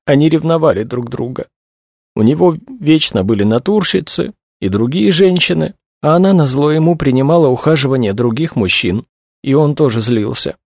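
Brief: tearful young woman, read by a male narrator, raised high voice, dry close sound. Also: animated, darkish tone, no room sound. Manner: halting, tearful, high-pitched. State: crying. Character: distraught young woman, weeping clerk.

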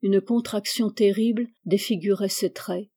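A woman narrating a classic novel as an audiobook, reading in a measured, even way. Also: medium pitch, breathy edge. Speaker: audiobook reader.

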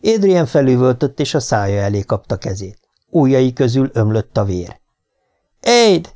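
Male narrator, mellow dark voice, dramatic storytelling, audiobook reading. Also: medium pitch, lively intonation. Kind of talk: scripted narration.

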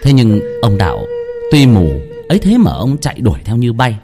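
A man narrating a ghost story at an unhurried, dramatic pace. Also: medium pitch, big pitch swings, music in the background.

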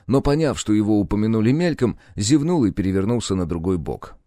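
A man narrating an audiobook in an expressive, lively reading. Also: lowish voice, a little fast, dry recording, clean studio sound. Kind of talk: scripted narration.

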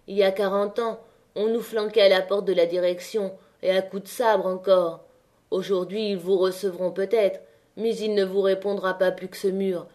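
A woman voicing a weary, fatalistic old retired miner who speaks slowly in a murmur. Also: mid-range voice, flat delivery, dark tone, close to an everyday voice. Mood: bitter. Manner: slow, murmured.

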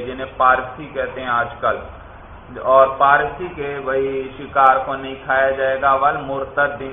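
A man's voice: medium pitch, a little hiss or hum. A man teaching Islamic law in a lecture, reading Arabic text and explaining it step by step, often asking questions and answering them himself. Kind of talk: classroom lecture. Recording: tinny phone-like echoey room.

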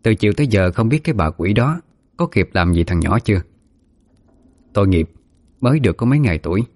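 A man's voice: on the low side, lively intonation, a little fast, a little mellow, no echo. A man narrating a ghost story vividly.

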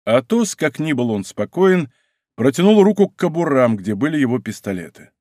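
A man narrating a historical adventure audiobook in an expressive, theatrical way. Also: mid-range voice, normal speed, no echo, clean studio sound.

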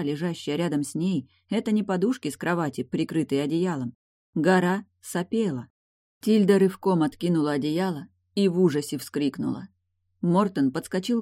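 A woman reading a novel aloud in a steady, matter-of-fact audiobook narration. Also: low-pitched, dry recording, studio quality. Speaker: audiobook reader.

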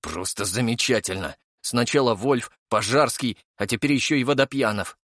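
A man's voice: medium pitch, normal speed, a bit bright, no room sound, studio quality. A man reading an audiobook and voicing a gloomy, irritable young male comrade who sighs and grumbles. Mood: sour. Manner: sighing, sour, irritable.

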